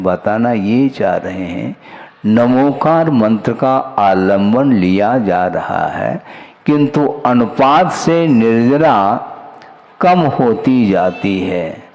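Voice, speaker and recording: Middle-aged male monk for a sermon; slow, gravelly, measured, rhetorical. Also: medium pitch, a little mellow. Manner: measured, rhetorical questions voiced for listeners. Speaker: Jain monk.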